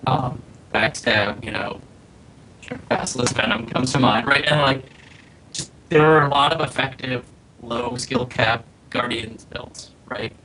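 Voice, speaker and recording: A man, a game developer, thinking aloud in a casual podcast panel discussion, often pausing and restarting. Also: medium pitch, background noise. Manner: hesitant, many fillers and restarts.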